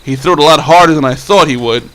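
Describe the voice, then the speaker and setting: A man's voice: fairly high pitch, fast, a bit bright. A young man casually telling a story on his vlog, rambling and swearing, with many restarts. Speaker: vlogger.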